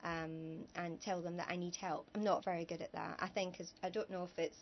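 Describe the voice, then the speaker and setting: A woman's voice: on the low side, level tone, a little fast, dull audio, a little hiss or hum. A woman talking casually as a guest on a talk show, chatty and a little hesitant with fillers. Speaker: guest businesswoman. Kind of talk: casual interview chat.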